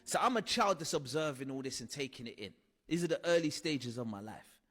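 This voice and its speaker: A man's voice: medium pitch, animated, fairly quick, a bit bright, long reverb tail. A man earnestly telling his life story, with vivid re-enactments. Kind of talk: personal testimony talk.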